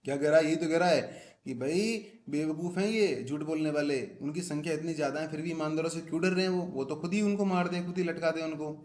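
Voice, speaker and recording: A man's voice: a little high, fast, hardly any pauses, a little mellow. A teacher from India explaining a play line by line, asking and answering his own questions. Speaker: English literature teacher.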